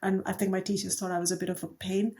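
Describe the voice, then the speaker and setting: Here the Indian agency co-founder, a podcast guest, talks fast in a dark, mid-range voice with a level tone. The interview is reflective and conversational, and she comes across as thoughtful and candid, breaking into light laughs.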